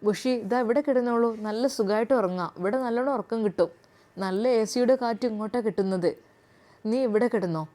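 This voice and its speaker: A woman voicing a gentle, soft-spoken young male doctor who talks to his wife in a low, soothing way. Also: fairly quick, lightly acted. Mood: gentle, kind.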